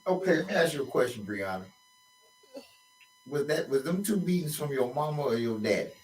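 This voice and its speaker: A man hosting a talk show, explaining his views in a slow, measured, lecturing way. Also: mid-range voice, expressive, far from the mic, low-quality recording. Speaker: host. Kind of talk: conversational commentary.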